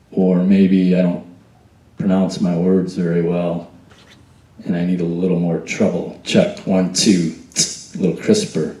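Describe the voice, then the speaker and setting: A man with a deep, mellow voice patiently trains someone on a church mixing desk indoors, taking it step by step and testing the mic with "check, one, two." It's a low-quality recording made from a distance in an echoey room.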